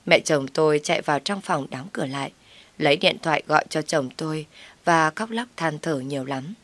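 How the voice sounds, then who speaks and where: A woman telling a scripted first-person story in a calm, even manner. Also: deep voice, fairly quick, dry recording. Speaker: narrator.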